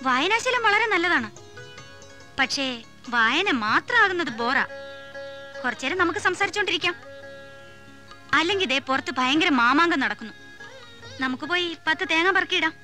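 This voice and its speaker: A woman's voice: very high-pitched, animated, normal speed, long pauses, pushed and bright, faint music behind, exaggerated voice. A young actress playing a cheeky female guest who teases in a mock-formal way in a 1980s film. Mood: teasing. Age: young adult. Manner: playful, mock-formal teasing.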